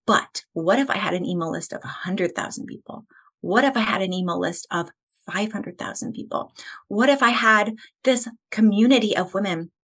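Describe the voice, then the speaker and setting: An American woman in her thirties speaks as a podcast guest, earnest and fervent, her middle-pitched voice rising with feeling. At times she sounds close to tears. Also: moderate pace, a bit bright, breathy edge. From United States. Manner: earnest and passionate, building to emotional fervor. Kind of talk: faith-focused podcast conversation.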